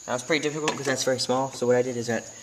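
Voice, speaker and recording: Clicks and noise fill this amateur recording of an American man hosting an informal hands-on demo. With an average pitch and fairly even intonation, he explains each step haltingly, reasoning aloud as he goes.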